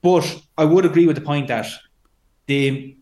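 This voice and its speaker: Irish bloke chatting through match analysis, echoey sound. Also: male voice, on the high side, unhurried, darkish tone. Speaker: sports pundit. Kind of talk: casual sports analysis.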